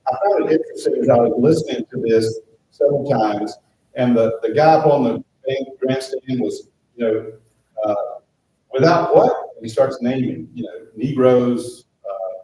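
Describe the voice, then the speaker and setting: A man's voice: mid-range voice, mellow. Rambling man giving a pastor's study talk. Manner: conversational, rambling, with many fillers. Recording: roomy, distant mic with faint noise.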